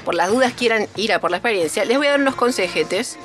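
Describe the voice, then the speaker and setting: Argentine woman, quiz host, playful teasing chat, medium pitch, faint music behind. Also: lively intonation, fast. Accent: Argentine Spanish. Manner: joking, teasing, digressive.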